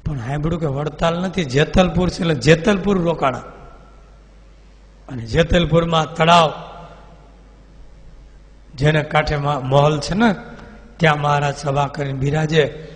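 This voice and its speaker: A male preacher, telling a devotional story with vivid, animated delivery. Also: fairly high pitch, measured pace, pauses often. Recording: reverberant hall.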